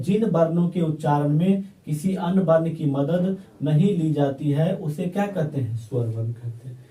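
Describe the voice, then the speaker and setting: A man's voice: fairly high pitch, warm tone, far from the mic. A male teacher, giving a grammar lesson and drilling his students by asking questions and answering them himself. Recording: echoey room, voice from off-mic.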